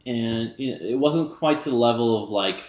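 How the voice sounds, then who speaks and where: A man's voice: medium pitch, moderate pace. A man reviewing a movie in casual banter, talking in a loose, rambling, tipsy way. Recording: roomy, echoey sound.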